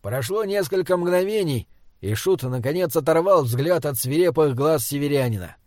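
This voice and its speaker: A man narrating a fantasy audiobook in a steady, even reading voice. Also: fairly high pitch, moderate pace, no echo, clean studio sound.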